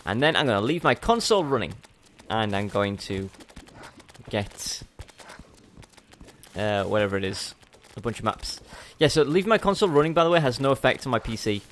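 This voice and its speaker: A man's voice: mid-range voice, big pitch swings, normal speed, a bit bright, a little hiss or hum. Young man, let's play host, casual gameplay commentary, rambling, self-correcting, mid-range voice.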